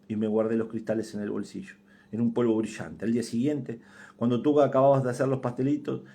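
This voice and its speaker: A man's voice: medium pitch, close to an everyday voice. A man with an Argentine accent voicing a dying woman who confesses to her sister in a faltering, urgent voice. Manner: faltering, hushed, urgent pleading.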